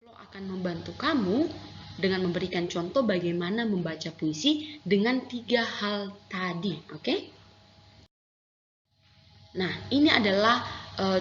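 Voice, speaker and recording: An Indonesian-accented woman teaches young children in a gentle, patient, unhurried way. Her voice rings in an echoey room, and the recording sounds slightly dull with faint hiss behind it. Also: mid-range voice. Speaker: primary school teacher. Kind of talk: online lesson for young children.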